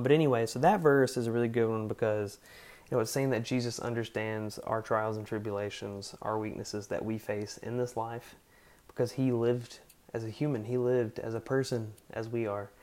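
A man of middling pitch talks alone into his podcast mic. He rambles earnestly, circling back with fillers as he shares faith thoughts in a casual monologue. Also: darkish tone. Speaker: podcast host.

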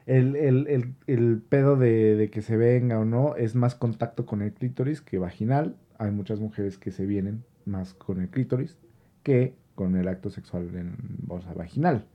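A man's voice: on the low side, normal speed, lo-fi sound. Joking young Mexican man, crude slang. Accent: Mexican Spanish. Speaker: podcast co-host. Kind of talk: casual chat.

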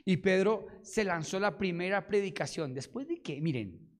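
A man preaching a sermon in an animated way, acting out dialogue and prayers and swinging from hushed to loud. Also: sits high, moderate pace.

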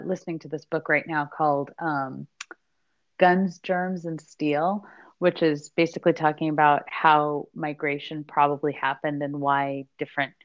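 A woman co-hosting a podcast, chatting casually and rambling with lots of fillers and laughs. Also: deep voice. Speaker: podcast co-host. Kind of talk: casual chat. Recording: dull lo-fi sound.

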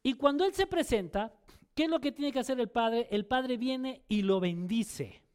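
A man's voice: very high-pitched, expressive, normal speed, smooth. A man preaching a sermon, who often restarts and repeats words as he explains and asks his listeners rhetorical questions.

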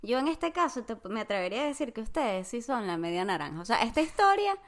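A woman's voice: a little high, very animated, quick pace. Reflective woman, casual podcast chat. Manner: reflective, explains her views with colloquial asides. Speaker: podcast co-host.

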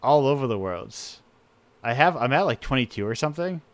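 A man's voice: mid-range voice, animated, brisk, dry recording. Rambling, enthusiastic radio host man. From United States. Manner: rambling, enthusiastic, frequent restarts. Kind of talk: casual chat.

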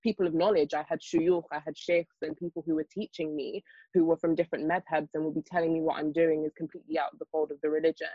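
A young woman on a discussion panel talks fast in long runs full of ums and sort-ofs. Her pitch barely moves. The sound is dry and slightly muffled, with no room around it. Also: level tone, warm tone, slightly rough, no echo. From Nigerian heritage, raised in the UK. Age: young adult. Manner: fast, hesitant, lots of fillers and restarts. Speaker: panel guest, children's author.

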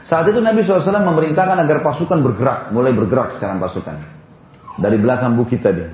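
A man telling a religious history story in a lesson, in a casual, conversational way with asides, pointing things out on a board, in a roomy, slightly dull recording. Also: medium pitch. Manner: explains while pointing to a board. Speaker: religious teacher.

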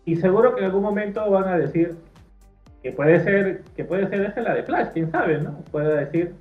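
A man's voice: high-pitched, animated, normal speed, faint music behind. A man chatting casually on a podcast, rambling and opinionated, often trailing off. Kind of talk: casual chat. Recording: echoey, phone-like sound.

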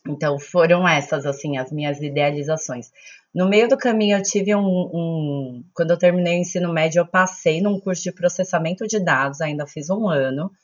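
Casting: woman, Brazilian Portuguese accent, deep register, informal podcast storyteller, slightly muffled sound. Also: moderate pace. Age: 30s. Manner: chatty, informal, self-mocking.

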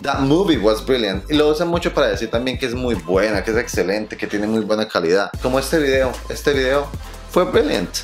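A man's voice: medium pitch, a little fast, hardly any pauses, roomy sound, music in the background. Playful man teaching English. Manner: lively, playful, switches between Spanish and English examples. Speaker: English teacher, channel host. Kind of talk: casual YouTube English lesson.

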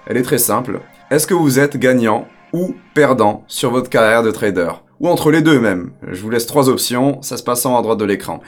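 A man hosts a weekly crypto news show, reading headlines with an upbeat presenter's delivery and the odd joking aside. His voice sits at a middle pitch. Soft music plays faintly under him. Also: expressive, moderate pace.

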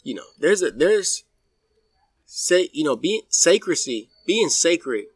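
A man in his forties giving his opinions in a casual podcast chat, halting with many fillers and restarts. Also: on the high side, very animated, husky, no room sound, recorded from a distance. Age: 40s. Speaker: podcast guest.

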